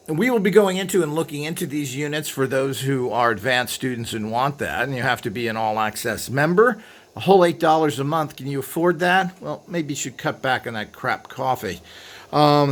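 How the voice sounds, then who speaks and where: A man presents vintage equipment in a relaxed, unscripted show-and-tell, speaking bluntly and griping with strong opinions. His voice is medium-pitched and a bit bright.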